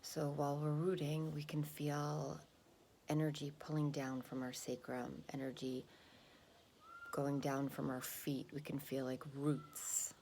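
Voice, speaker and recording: A woman calmly guiding a grounding exercise in an unhurried, soothing way with pauses, her breathy voice often dropping close to a whisper. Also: low voice, a little hiss or hum. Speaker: guided meditation leader. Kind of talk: calm guided grounding exercise.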